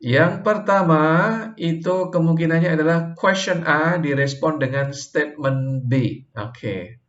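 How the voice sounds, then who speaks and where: Indonesian man lecturing in a roomy space. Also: a little high. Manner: relaxed, drawn-out explanations with frequent "oke" and "ya" tags. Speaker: university lecturer. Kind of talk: recorded online lecture. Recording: roomy, dull lo-fi sound.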